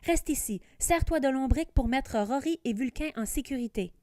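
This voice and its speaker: A woman's voice: high-pitched, moderate pace, dry recording, studio quality. A woman voicing a fiery young wizard. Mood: excited. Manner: excited, defiant. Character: hot-tempered young boy wizard.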